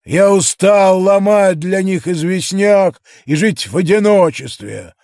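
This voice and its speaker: A man voicing a huge, lonely male giant quarryman who asks slow, plaintive questions, in a dry studio recording. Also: sits high, expressive, creaky, darkish tone, no echo, voice pushed up, full character voice. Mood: bewildered.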